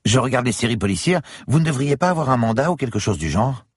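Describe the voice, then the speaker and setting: A man voicing a nosy, prudish middle-aged woman concierge with a shrill, indignant manner under a husky voice. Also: animated, quick pace, no echo, clean studio sound. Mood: curious.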